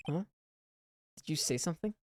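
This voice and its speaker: A woman's voice: low-pitched, animated, moderate pace, music in the background, pitched above the performer's own voice. A woman voicing an earnest young male defense attorney who pleads and gets exasperated.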